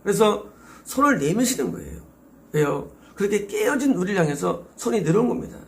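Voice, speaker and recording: Korean-accented male pastor, middle-aged, gravelly high voice, emphatic sermon delivery. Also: very animated, a little fast. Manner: emphatic, exhorting with rhetorical questions.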